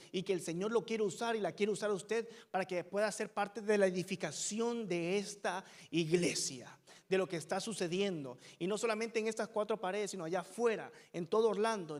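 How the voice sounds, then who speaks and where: A man preaching a sermon with a high, ringing voice that carries through a church sanctuary, its long reverb trailing each phrase. He is emphatic and keeps putting rhetorical questions to his congregation. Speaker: pastor.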